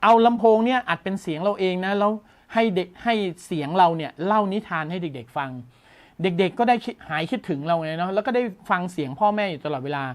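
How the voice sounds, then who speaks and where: Excited male tech news host. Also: sits high, fast talker. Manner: enthusiastic, exclaims often. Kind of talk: casual tech news commentary.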